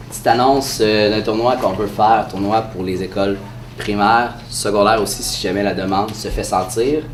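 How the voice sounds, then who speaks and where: Male, Quebec French, low-pitched, congested with a cold, halting press-conference presenter, distant mic in an echoey room. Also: steady tone, slight background noise. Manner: hesitant, halting delivery with frequent pauses. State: has a head cold. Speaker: sports association president presenting. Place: indoor room at a press event.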